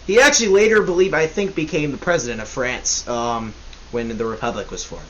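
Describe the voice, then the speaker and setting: A man's voice: medium pitch, brisk, fairly bright tone, muffled recording. A young man hosting a casual history podcast, rambling and joking, often correcting himself. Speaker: podcast host. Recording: faint hiss.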